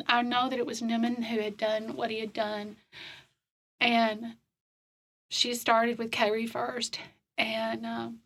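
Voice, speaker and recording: A woman calmly recounting hard childhood memories in a slow, matter-of-fact way during a conversation. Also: on the high side, husky. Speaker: guest telling her life story. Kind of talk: personal storytelling in conversation.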